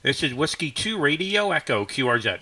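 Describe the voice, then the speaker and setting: A man's voice: fairly high pitch, very animated, fairly quick, heavy background noise. A man working as an amateur radio operator, trading call signs and signal reports.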